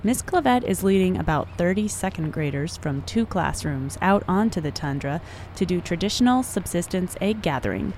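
A woman radio reporter narrating a news feature in a measured, even delivery. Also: on the low side, a little hiss or hum.

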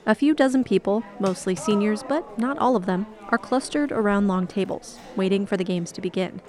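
Female news reporter, medium pitch, delivering scripted feature narration for radio. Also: brisk, crowd noise.

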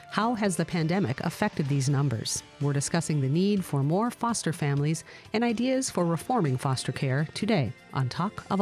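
A woman's voice: low-pitched, a little mellow. A woman hosting a radio talk show, presenting scripted introductions and questions to guests.

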